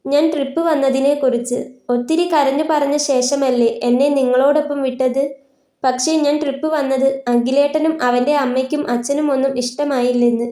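A woman's voice: high voice, fairly even intonation, moderate pace, dark tone, natural voice. A woman voicing a heartbroken, lonely young woman in a tearful, pleading tone, in a roomy recording. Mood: hurt, bitter. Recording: roomy echo.

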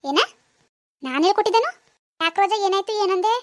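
A woman's voice: very high-pitched, animated, quick pace. A woman doing a placating middle-aged mother. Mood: concerned. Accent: rural Kannada village dialect. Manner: soothing, placating. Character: middle-aged mother who tries to make peace. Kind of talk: cartoon voice acting.

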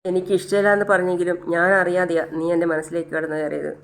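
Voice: medium pitch, fairly even intonation, fast, creaky, natural voice. A narrator voicing a heartbroken young man torn by duty, pleading and choked with tears. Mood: tender regret. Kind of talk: retelling a TV serial.

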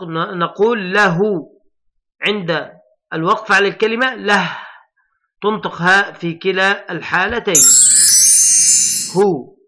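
A man teaching young children to read, sounding out letters and words slowly and emphatically while encouraging his pupils. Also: sits high, bright, forceful tone. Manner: addresses pupils as heroes, patient and encouraging. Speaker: primary school Arabic teacher. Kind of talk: recorded classroom lesson for young children.

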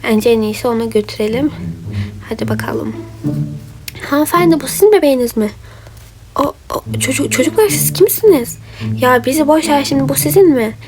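High-voiced chatty woman doing role-play. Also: a little fast, long pauses. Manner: lively, chatty, switches between characters. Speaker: role-play video maker. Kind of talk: doll game role-play voicing characters. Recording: background music.

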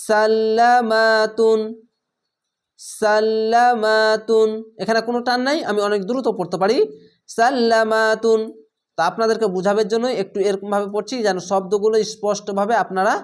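Speaking in a steady tone that sits high, a man teaches Quran reading, stretching every Arabic word out slowly and distinctly. Between recitations he lays out the rules quickly and plainly, repeating sounds patiently so his learners can follow.

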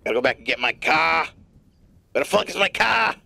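A man streaming a game live, giving profane, rambling running commentary in a put-on gravelly smoker's rasp. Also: on the high side, big pitch swings, a little fast, pushed and bright, no room sound.

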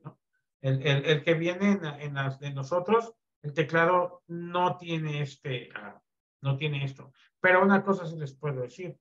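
A man teaching a basic computer class over a video call, relaxed, with many fillers and check-in questions. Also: fairly high pitch, muffled recording.

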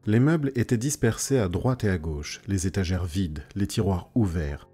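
Dark-voiced man reading a story aloud. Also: low voice, moderate pace, husky. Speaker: narrator. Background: faint soft music.

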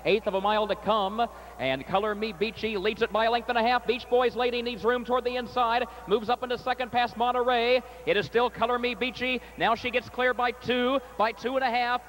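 Guy with a high voice calling a harness race, crisp announcer style, faint background noise. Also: low-quality recording. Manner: rapid crisp calling, rising excitement in stretch. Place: outdoor racetrack.

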